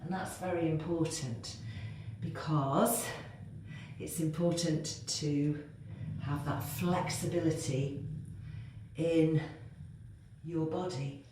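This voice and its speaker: In a very echoey room with faint noise, a woman cues exercises while working out alongside, slowly getting out of breath. Her voice is low-pitched and steady, and she speaks slowly.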